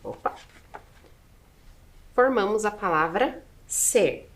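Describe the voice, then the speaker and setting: A woman's voice: medium pitch, animated, slow. A Brazilian woman teacher with a Brazilian Portuguese accent, patiently spelling out letters and syllables one by one in a video lesson.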